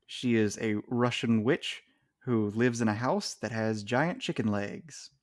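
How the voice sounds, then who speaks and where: Male podcast co-host, easygoing and chatty, medium pitch, dry recording. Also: measured pace, no echo. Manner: chatty, laughs between points while arguing. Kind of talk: casual chat.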